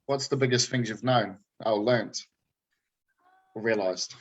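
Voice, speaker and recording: A man's voice: on the low side, a little slow. A man coaches a group. He is informal and laid-back, using matey slang. The audio is a little muffled and lo-fi. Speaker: fitness coach hosting a group check-in. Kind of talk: casual group coaching chat.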